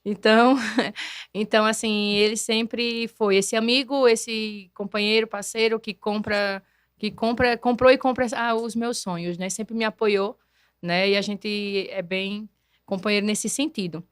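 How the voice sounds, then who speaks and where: A woman, a guest telling her story in a lively, animated way and acting out quoted voices. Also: medium pitch, measured pace, clear, resonant tone, no echo, studio quality. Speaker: guest, math teacher and neuroscience educator. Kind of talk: conversational podcast interview.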